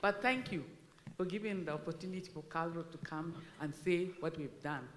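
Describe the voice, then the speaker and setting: A woman's voice: lowish voice, moderate pace, a little hiss or hum. Woman, 60s, Kenyan accent, speaks through missing front teeth; informal event speech in a reverberant hall. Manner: candid, self-deprecating, emphatic. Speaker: agricultural research speaker. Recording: long hall reverb on microphone.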